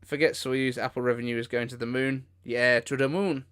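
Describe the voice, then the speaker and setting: This male reaction streamer has a mid-pitched voice that's smooth and a bit bright, holding a steady tone at a fairly quick pace. He riffs informally and off the cuff, sounding incredulous at what he's watching live.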